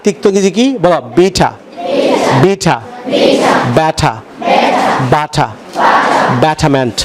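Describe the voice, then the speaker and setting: Bangladeshi male teacher, high voice, drills words for a class to repeat, loud chanting room. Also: slow pace. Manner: repeats words for a class to echo, quizzing them. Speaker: English pronunciation teacher. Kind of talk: call-and-response classroom drill. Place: classroom with students. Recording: loud crowd and noise. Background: class chanting along.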